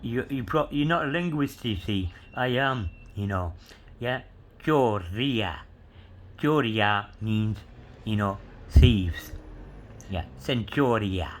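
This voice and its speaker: A coin collector with an expressive, lowish voice takes it slowly, rambling through a show-and-tell peppered with "you know" and "yeah." He spells out inscriptions letter by letter, and the audio is poor.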